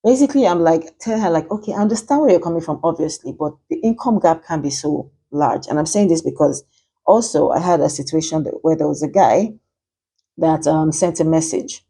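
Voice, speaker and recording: A woman's voice: low voice, brisk, mellow, husky. A woman, a matchmaker ranting chattily and with exasperation in a vlog.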